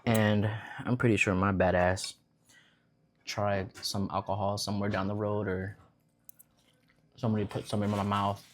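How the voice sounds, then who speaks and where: For a casual eating vlog, a young man raised in Vietnam talks easily and loosely while having a meal at home. His voice is on the low side with a flat delivery at normal speed, broken by long pauses, and there's slight background noise.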